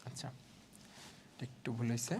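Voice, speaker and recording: A Bangladeshi man in his twenties tutors biology in an online exam-prep lesson, talking fast and chatty while mixing in English words. He keeps checking that his students are following, with background noise audible.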